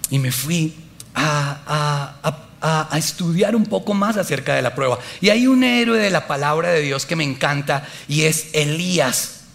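A man's voice: a little high, lively intonation, normal speed, gravelly, fairly bright tone. A man preaching a sermon, telling a personal story with animation and speaking directly to the congregation.

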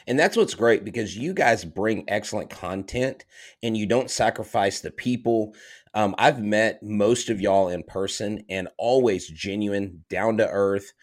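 A man with a fairly low voice hosts a relaxed sports podcast chat. He talks with eager enthusiasm, winding through long sentences full of fillers and restarts. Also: measured pace. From Florida. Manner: enthusiastic, rambling, frequent fillers. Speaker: podcast host. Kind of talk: casual podcast interview.

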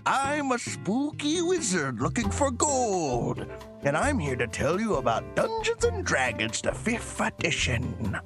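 A man's voice: high voice, huge pitch swings, unhurried, over music, pitched above the performer's own voice, exaggerated voice. A man voicing a spooky old miner who fancies himself a wizard, with an old prospector drawl in improvised comic role-play. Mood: spooky, folksy.

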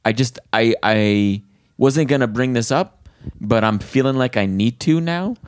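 A man's voice: medium pitch, measured pace, clean tone, lightly acted. A man improvising an indignant father arguing with a daycare manager, combative and insistent. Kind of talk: improv sketch.

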